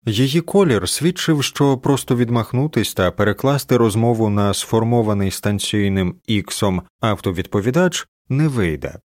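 A man narrating a science fiction audiobook with expressive storytelling. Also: on the low side, moderate pace, no room sound, studio quality. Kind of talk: scripted narration.

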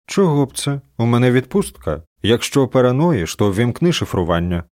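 A man voicing a sharp-tongued young woman, a space agent on vacation, curt and sarcastic. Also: mid-range voice, sing-song, normal speed, no room sound, clean studio sound, lightly acted. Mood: irritated.

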